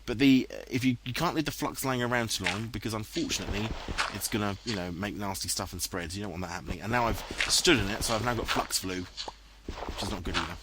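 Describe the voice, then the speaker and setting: This let's play commentator, an Englishman, talks fast in a lowish voice with background noise, mocking himself casually as his gameplay footage plays. He dubbed the commentary in post-production, recording it later on a headset in a room at home.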